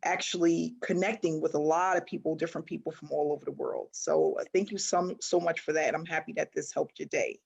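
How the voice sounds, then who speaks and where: A woman hosts a webinar over a video call, warmly encouraging the people who share their stories. Her voice is husky and slightly gravelly, and she breaks into laughter often. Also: low voice, steady tone, fairly quick, hardly any pauses. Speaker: webinar host. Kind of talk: casual video call chat.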